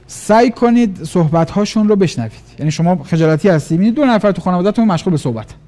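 A man giving an animated motivational business talk, acting out little dialogues in different voices. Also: high-pitched. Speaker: business trainer.

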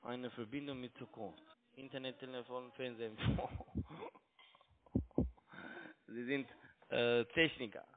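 This man talks slowly in a mid-range voice, pausing often, with slight background noise behind him. He is an Italian-raised call center trading broker, a native Italian speaker, making a pushy, mocking phone call in broken German over a tinny line.

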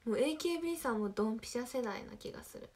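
A young woman with a high voice, chatting loosely with her viewers during a livestream. She speaks in a Hiroshima dialect and keeps reacting to comments, now and then humming bits of songs between her remarks. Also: animated, racing, a little mellow. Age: young adult. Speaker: idol livestream host. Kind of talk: casual livestream chat with viewers.

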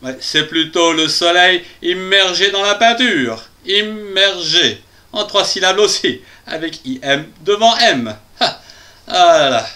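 A man voicing a cheerful little male bear who teaches spelling in a children's phonics lesson, spelling words out slowly syllable by syllable and chuckling often. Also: high voice, animated, bright, forceful tone, full character voice.

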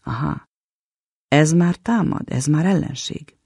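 A grim, desperate soldier back from the war mutters his lines hoarsely, as a male narrator reads them out. The voice is gravelly and dark, and the recording is dry. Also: a little high, dry recording.

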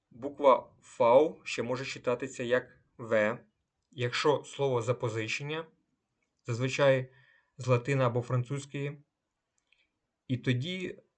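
Slow, deliberate male language teacher. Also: medium pitch. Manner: slow and deliberate, pausing between words and examples. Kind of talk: instructional explanation of German pronunciation rules.

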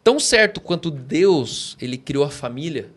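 A man's voice: a little high, lively intonation, normal speed, breathy edge. A man with a Brazilian Portuguese accent, a pastor and podcast guest, explaining his views with emphatic rhetorical questions. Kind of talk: conversational preaching.

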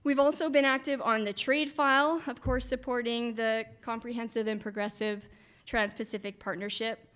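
A middle-aged woman, a farm association director from Canada, giving a speech at a podium microphone in a hotel conference room, lively with wry asides. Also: on the high side, normal speed, smooth.

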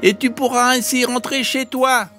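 A man voicing a tiny baby bear in a children's storybook, in a high, squeaky, whiny voice. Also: steady tone, moderate pace, over music. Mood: crying out.

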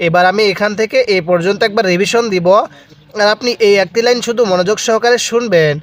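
Brief: high-pitched male Quran reading teacher, patient drill, slow drawn-out syllables for repetition. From Bangladesh. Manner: spells out letters and drawn-out vowels slowly, has learners repeat. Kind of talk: step-by-step recitation lesson.

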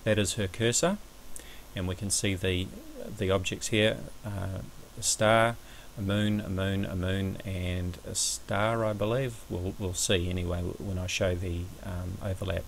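A man giving a measured, somewhat hesitant step-by-step explanatory commentary over a screen recording, as an amateur astronomy presenter. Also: low-pitched, flat delivery, gravelly, a little hiss or hum, low-quality recording.

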